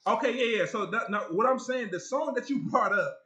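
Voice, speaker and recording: A man's voice: very high-pitched, fairly quick, pushed and bright. A man hosting a panel talk who teases his guests in a playful way. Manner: teasing, playful. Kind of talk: casual panel chat.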